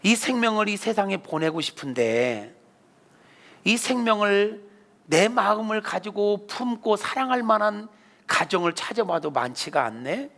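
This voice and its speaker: God speaks low, soft and fatherly to a grieving man, as a pastor puts him on during a sermon. The voice drops well below the preacher's usual bright tone and stays quiet, unhurried and tender. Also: expressive, creaky, exaggerated voice. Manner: gentle, slow and fatherly.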